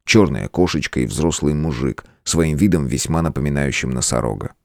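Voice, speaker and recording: Very deep-voiced male audiobook narrator. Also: vocal fry, no room sound, clean studio sound. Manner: measured, dramatic storytelling. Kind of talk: scripted dramatic narration.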